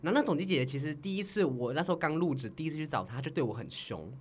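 A woman's voice: deep voice, racing, husky. A woman telling stories in a casual chat, acting out the people she quotes. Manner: animated storytelling, acts out quoted people.

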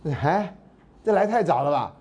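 Mellow-voiced Taiwanese Mandarin lecturer, man. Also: fairly high pitch, animated, moderate pace. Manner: chatty, keeps asking listeners "right?"; acts out dialogue from his anecdotes. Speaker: university lecturer. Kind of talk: storytelling lecture.

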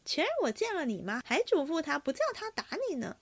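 A woman voicing a brash, crude young rich man at a drinking game, talking loud and blustering. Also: sits high, very animated, fairly quick, no room sound.

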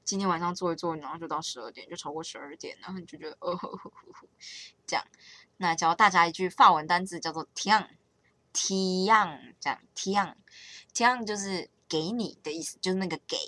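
A woman's voice: lowish voice, quick pace, sharp tone, no room sound. A young woman with a Taiwanese Mandarin accent chatting casually to her viewers, rambling and correcting herself as she talks. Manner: rambling, self-correcting, playful. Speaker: vlogger. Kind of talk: casual chat to camera.

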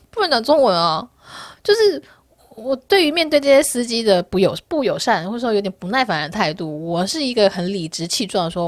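A woman's voice: a little high, dry recording, studio quality. A woman vlogger chatting casually to her viewers, telling candid stories and laughing often. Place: Korea.

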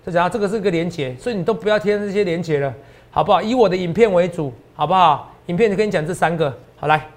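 A man's voice: high voice, fast talker. A man with a Taiwanese Mandarin accent hosting stock market commentary. He is emphatic and repetitive and keeps checking in with his listeners. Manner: emphatic and repetitive, often ends lines with a tag question. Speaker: stock market analyst host.

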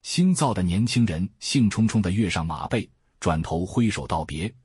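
A man reads a first-person literary passage in a measured way. His voice is very low and deeply husky, recorded dry and close. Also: lively intonation, darkish tone, no echo. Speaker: reader. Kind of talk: first-person book reading.

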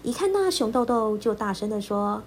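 A woman storyteller narrating a children's storybook in an expressive, lilting voice. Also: fairly high pitch, heavy background noise. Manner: expressive, lilting, slow and clear.

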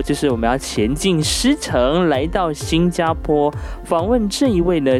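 A man's voice: fairly high pitch, darkish tone. A man with a Taiwanese accent hosting a casual podcast interview in a playful, bantering way. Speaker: podcast host, radio broadcaster.

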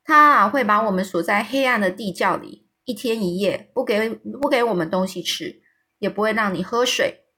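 A woman's voice: mid-range voice, normal speed, bright, forceful tone, breathy edge. A woman voicing a young orphan girl who speaks frankly and earnestly. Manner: plain-spoken, earnest.

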